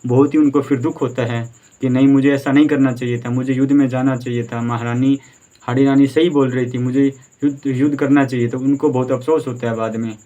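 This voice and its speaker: A man's voice: mid-range voice, little pitch movement, brisk, mellow, dull audio. A man telling a history story as a lesson, in a conversational retelling style with rhetorical questions and filler words. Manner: fillers and restarts. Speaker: history teacher.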